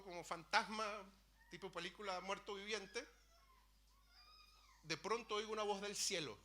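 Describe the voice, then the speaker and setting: A man's voice: fairly high pitch, pushed and bright. A man, telling his faith testimony from the pulpit in an earnest, storytelling way, often restarting his phrases. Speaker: preacher sharing testimony. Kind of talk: sermon testimony. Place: church.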